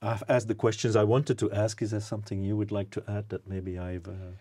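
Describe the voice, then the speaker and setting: Low, mellow-voiced encouraging male interviewer. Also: little pitch movement, fairly quick, breathy edge, no room sound, studio quality. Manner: encouraging, warm backchannels, laughs easily. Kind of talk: casual interview chat. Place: university office.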